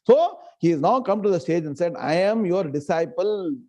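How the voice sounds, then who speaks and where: High-pitched, animated South Indian male teacher. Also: normal speed. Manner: didactic, emphatic, questioning listeners directly. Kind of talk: live scripture lesson with line-by-line explanation.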